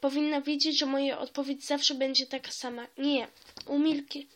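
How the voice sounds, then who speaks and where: A stern, weary father lays down the rule in a storybook reading, voiced by a woman. The voice stays high and bright, clipped and final. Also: level tone, moderate pace. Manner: stern, dismissive. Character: gruff dismissive father of a cave clan.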